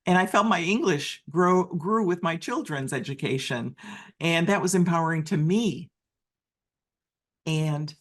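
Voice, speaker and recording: With a mid-range voice, an interpreter speaks a deaf person's personal story in the first person. The delivery is halting, marked by many restarts and corrections.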